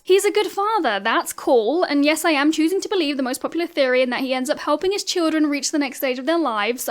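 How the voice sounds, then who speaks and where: A woman hosting a video, giving scripted tier-ranking commentary in a playful, self-mocking, wry way. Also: sits high. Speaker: video host.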